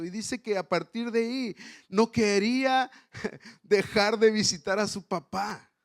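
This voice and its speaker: A middle-aged man preaching a sermon, swinging from loud, impassioned passages to quiet, tender ones. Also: high-pitched, vocal fry. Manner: addresses the congregation as family. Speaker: pastor.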